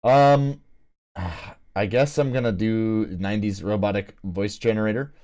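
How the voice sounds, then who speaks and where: A man's voice: fairly low pitch, fairly even intonation, unhurried, a little mellow. A man in a casual commentary as a music producer, talking to himself with fillers and restarts. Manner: rambling self-talk with fillers and restarts. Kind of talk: casual screen-recorded commentary.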